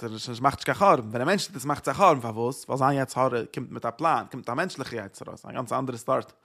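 A man teaching a religious lesson, explaining in loose, repeated phrases with rhetorical questions and many hesitant pauses. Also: mid-range voice, a bit bright. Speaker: Torah teacher. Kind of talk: religious lecture.

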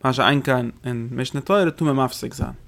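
A man teaching a lesson on religious texts, explaining quickly and often posing rhetorical questions to his listeners. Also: medium pitch, gravelly, fairly bright tone. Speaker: Torah teacher.

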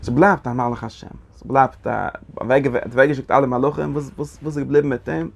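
A man giving a Torah study lecture, halting and repeating his phrases as he works through the text. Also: mid-range voice, fairly even intonation, gravelly. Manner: halting, repeats phrases, mixes Yiddish and Hebrew terms into German. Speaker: Torah teacher.

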